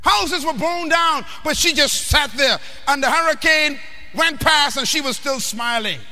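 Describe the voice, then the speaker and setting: A man from the Bahamas, preaching a sermon emphatically, questioning the crowd and often shouting. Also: extremely high pitch, measured pace. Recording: long hall reverb.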